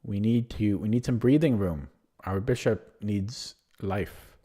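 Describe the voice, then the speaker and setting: Here a man with a low, mellow voice and a measured pace gives live commentary on his own online chess stream. He mulls over moves aloud with a tentative, self-deprecating manner and plenty of filler words.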